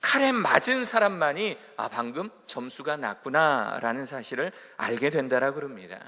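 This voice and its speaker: A man giving a school chapel sermon in an animated way that builds to loud emphatic peaks. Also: medium pitch, moderate pace. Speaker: chapel preacher. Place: chapel hall. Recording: echoey hall with long reverb.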